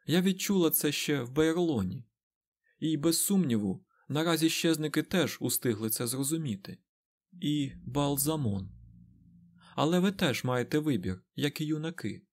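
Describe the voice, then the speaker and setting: Man doing a calm, solemn sorceress. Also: on the high side, pitched above the performer's own voice. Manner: measured, solemn, quiet. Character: commanding calm female sorceress.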